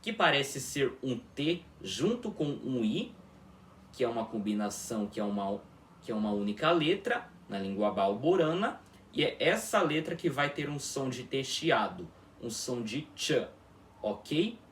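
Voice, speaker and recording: A man gives a slow, deliberate language lesson, his pitch rising and falling in lively swings as he keeps checking whether the listeners follow. He sounds set back from the microphone in an echoey room. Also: distant mic, slight background noise. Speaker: teacher of an invented language. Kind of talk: formal video lesson.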